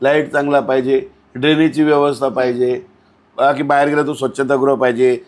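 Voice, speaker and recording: In a fairly quick, level-toned, mid-range voice, this man scolds bluntly and indignantly while appearing as a guest in a conversational podcast interview. He comments outspokenly on local civic issues, leaning heavily on rhetorical questions.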